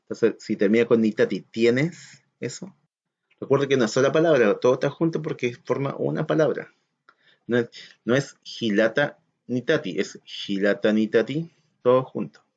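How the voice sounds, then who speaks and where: A man's voice: mid-range voice, normal speed, vocal fry, a little mellow, slightly rough. A man teaching a recorded school lesson, explaining step by step and asking the class questions. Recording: dull lo-fi sound.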